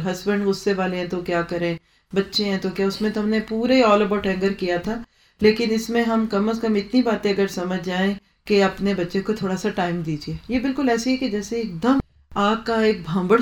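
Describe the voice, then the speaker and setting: A woman's voice: medium pitch, darkish tone. A woman giving a parenting talk, explaining with homely examples and mixing in English phrases. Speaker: parenting speaker.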